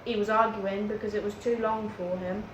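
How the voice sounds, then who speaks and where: A woman's voice: medium pitch, flat delivery, fairly quick. A woman casually telling a story together with someone, as co-storyteller. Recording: roomy echo, clear background noise.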